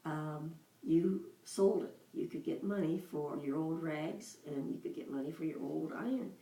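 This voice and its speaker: A woman in her seventies recalling her childhood for her child, telling it slowly with pauses. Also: sits low, mellow. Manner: unhurried storytelling with pauses. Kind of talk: casual reminiscing. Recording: roomy echo, voice from a distance.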